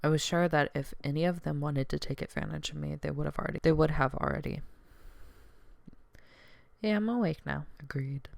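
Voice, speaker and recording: A woman's voice: low-pitched, a little fast, creaky, long pauses, no echo. A woman streamer reading a story aloud, reading the narration evenly and then breaking off into chatty, giggly asides.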